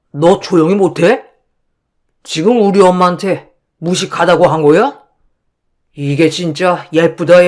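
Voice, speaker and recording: A bullying, hot-tempered young husband, as a woman reader puts him on in a read-aloud drama story. He barks and threatens, dragging out his words slowly. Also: lowish voice. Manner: shouting, threatening.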